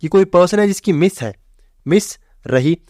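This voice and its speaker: A man's voice: high voice, expressive, darkish tone, dry recording, studio quality. A man teaching English vocabulary for exams, explaining memory tricks and often checking in with the viewer. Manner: keeps checking in with "theek hai bhai" and quizzing the viewer; mixes English words into fast classroom Hindi.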